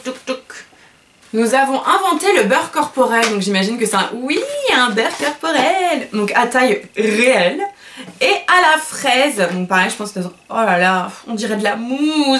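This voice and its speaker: A woman's voice: on the high side, lively intonation, moderate pace, fairly bright tone, slight background noise. A woman beauty vlogger chatting casually while unboxing products, gushing and chatty with many fillers and self-corrections.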